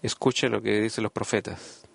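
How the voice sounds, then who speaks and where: Earnest man with halting voice-over. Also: on the low side, little pitch movement, creaky, crowd noise. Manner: earnest, halting with frequent "eh" fillers. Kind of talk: Spanish voice-over of a conversation.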